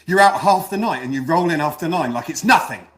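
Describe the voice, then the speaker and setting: A man playing a volatile, shouting dad. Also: fairly high pitch, animated, a little fast. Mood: furious. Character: angry troubled British father, a police officer.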